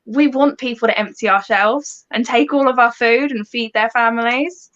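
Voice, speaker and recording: A high, bright-voiced English woman speaks over a dull, muffled call line. She is friendly and quick to laugh, shivering with cold as she talks about her shop. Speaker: shop manager guest. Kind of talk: casual chat and promo pitch.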